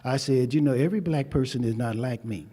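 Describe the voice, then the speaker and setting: A man's voice: mid-range voice, fairly quick, mellow. Older man, storytelling speech, echoing hall. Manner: storytelling, emphatic, folksy. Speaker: convocation speaker. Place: ceremony hall. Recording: long hall reverb.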